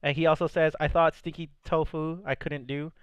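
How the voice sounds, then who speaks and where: Young guy hosting a podcast, smooth clear voice, bit high, dry sound. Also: level tone, a little fast, no room sound, highs cut off. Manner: upbeat, reads chat messages aloud. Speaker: podcast host. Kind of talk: casual podcast chat.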